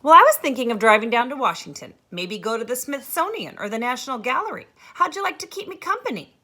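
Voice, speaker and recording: A woman doing a breezy, lively teacher. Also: fairly high pitch, fast talker, pitched above the performer's own voice, full character voice.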